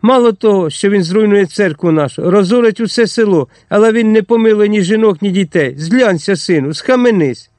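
A man's voice: sits high, lively intonation, brisk, darkish tone, no echo, voice pushed up. A man voicing an older village priest who earnestly implores others to stop, in an audiobook. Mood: imploring.

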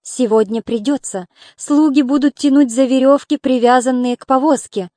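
A woman reading the quiet, confiding lines of a young woman in an audiobook. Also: high-pitched, fairly even intonation, moderate pace, dry recording, clean studio sound, natural voice.

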